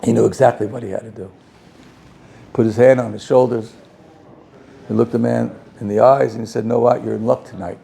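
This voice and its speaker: A man, a rabbi, telling a story in a sermon, quick and dramatic in the narration. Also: medium pitch, flat delivery, creaky, dark tone.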